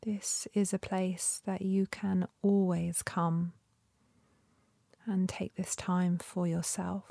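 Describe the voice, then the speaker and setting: A woman leading a guided meditation in a soft, breathy, often near-whispered voice with a gentle, soothing manner and long pauses. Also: lowish voice, little pitch movement, no room sound.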